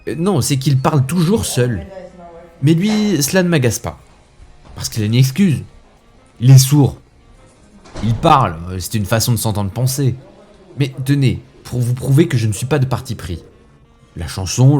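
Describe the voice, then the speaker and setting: A man playing a fussy, indignant gentleman who rants with theatrical asides, as in a comic stage monologue. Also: mid-range voice, slightly rough, voice pushed up. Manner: huffy, ranting, theatrical asides.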